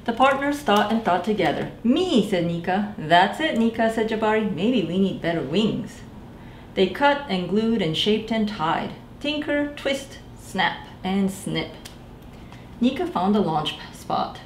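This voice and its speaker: A woman librarian reads at storytime, slow and expressive, with a mid-range voice. She's animated, does the characters' voices, and speaks directly to the children. The setting is a small indoor library room, echoey with faint background noise.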